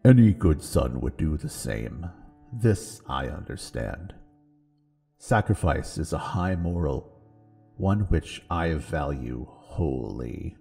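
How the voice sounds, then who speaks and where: A man voicing an ancient dragon god who is calm and kindly, speaking slowly and solemnly. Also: a bass voice, gravelly, slightly rough, faint music behind, pitched below the performer's own voice, exaggerated voice. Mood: gentle, solemn. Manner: slow, solemn, gentle delivery.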